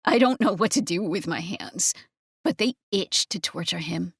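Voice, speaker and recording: Gravelly woman reading romance in first person, intimate, dry close sound. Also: on the low side, lively intonation, moderate pace, no echo. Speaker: audiobook narrator.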